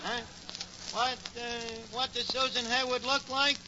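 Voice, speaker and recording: Acting in a 1940s radio comedy, the sitcom's male lead voices a scheming tavern manager who wisecracks, mangles words, and talks in slangy, mock-grand New York-accented speech. His voice is very high-pitched, with little pitch movement and a measured pace. The 1940s recording sounds noisy and dull.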